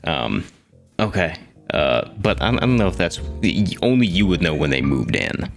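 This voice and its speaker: A man's voice: deep voice, sing-song, normal speed, vocal fry. A man playing a tabletop role-playing game, talking casually through what his character does. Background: soft guitar music.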